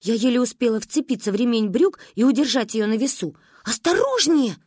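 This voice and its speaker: A woman reading a children's story aloud in an expressive, lively storybook narration. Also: on the high side, fast talker, no echo, clean studio sound. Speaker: audiobook reader.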